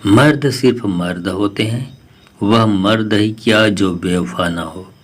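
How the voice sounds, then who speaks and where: A man voicing a sharp-tongued female myna bird in a storybook tale, scolding and curt. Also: on the low side, slow. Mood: scornful.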